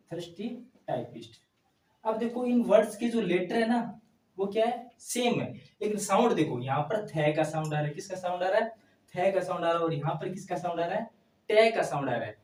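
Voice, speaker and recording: A man's voice: high-pitched, a little mellow, distant mic. A male teacher giving a grammar lesson, asking a question and answering it himself again and again on his phrases. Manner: repetitive call-and-response questioning. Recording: echoey room, voice from off-mic.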